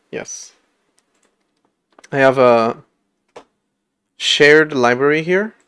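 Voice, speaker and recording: A man's voice: medium pitch, a bit bright, clean tone, no echo. Late-twenties male streamer, mid-range voice, dry close sound, casual self-deprecating rambling. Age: late 20s. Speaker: livestreamer coding an operating system. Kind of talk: casual livestream chat.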